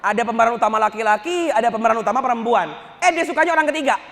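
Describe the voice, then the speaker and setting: A male Islamic preacher giving a humorous lecture, joking and telling stories with animated energy. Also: extremely high pitch, very fast, gravelly, big-room sound.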